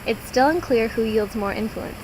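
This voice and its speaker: A woman narrating a student documentary, reading in a measured, earnest way. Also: on the high side, noisy background. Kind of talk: scripted narration.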